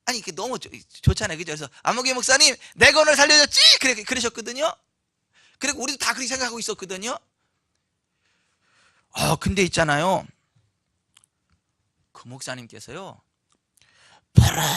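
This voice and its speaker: A man preaching a Sunday sermon, telling a story with lively acted-out voices and questions to the congregation. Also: high-pitched, normal speed, long pauses, no room sound, clean studio sound. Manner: animated storytelling, acts out quoted voices, asks the congregation questions. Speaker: pastor. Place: church sanctuary.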